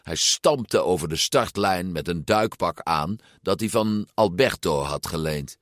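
A man reading a children's story aloud, slow and animated, giving each character a voice. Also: low voice, dry recording, studio quality. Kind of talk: storybook read-aloud narration.

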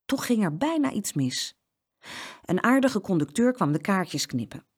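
A woman reading a children's story aloud with an expressive, lively delivery. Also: medium pitch, measured pace, breathy edge.

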